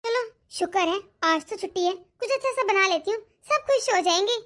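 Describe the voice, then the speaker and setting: A woman's voice: very high-pitched, animated, a little fast, a bit bright. A woman voicing a sensible young daughter-in-law in a cartoon, polite and reassuring. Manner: polite, reassuring, level-headed. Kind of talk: cartoon dialogue.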